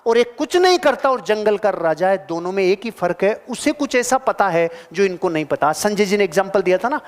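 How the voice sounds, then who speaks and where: A man giving a live motivational seminar talk to an audience in a large hall. He is animated, swings between loud bursts and low asides, and keeps asking the crowd questions. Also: fairly quick. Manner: addresses the audience directly with questions. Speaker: motivational speaker. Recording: long reverb of a big hall.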